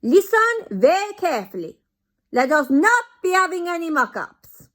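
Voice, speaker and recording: Woman doing the Grand High Witch, shrieking. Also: sing-song, moderate pace. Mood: ranting. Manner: shouting, barking, broken foreign grammar. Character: imperious female witch leader, shrieking and vicious.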